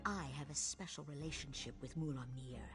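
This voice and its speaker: A woman's voice: low-pitched, fairly quick, over music, close to an everyday voice. An actress playing a royal, imperious, mocking and power-hungry queen in a video game. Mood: mocking, menacing. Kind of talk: video game character acting.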